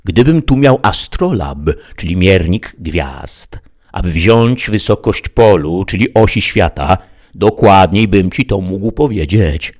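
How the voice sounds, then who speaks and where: A man's voice: low voice, expressive, slow, a little mellow, exaggerated voice. A man voicing a pompous, learned old knight in an audiobook, with a grandiloquent, lecturing manner. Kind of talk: audiobook character reading.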